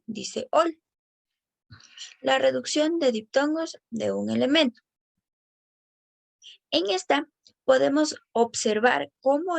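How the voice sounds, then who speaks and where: Woman explaining speech development, gravelly tone. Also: high voice, dry recording. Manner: careful, explanatory, slows down on example words. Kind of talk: reading an educational presentation.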